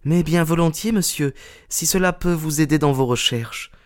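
A man's voice: fairly high pitch, moderate pace, no room sound, studio quality, close to an everyday voice. A man voicing an earnest young woman. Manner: polite, sincere. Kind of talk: audiobook character reading.

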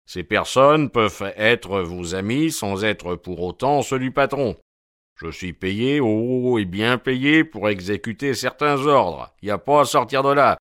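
Gruff stocky ex-boxer porter, voiced by a man, blunt and suspicious, audiobook, dry close read. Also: lowish voice, lively intonation, unhurried, fairly bright tone, no room sound. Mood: stubborn. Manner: blunt, colloquial, dropping negations.

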